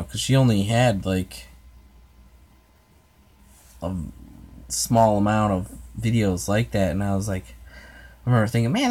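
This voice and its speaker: A man hosting his own ASMR channel, chatting casually with viewers in a rambling, hesitant way full of fillers and restarts. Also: fairly low pitch. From United States. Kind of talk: casual livestream chat answering comments.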